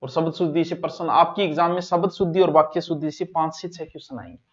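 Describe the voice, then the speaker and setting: A male teacher with a Rajasthani accent giving an exam-prep grammar lesson, talking straight to his students and swinging between loud and soft. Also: a little high, fast talker. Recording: dull lo-fi online class audio.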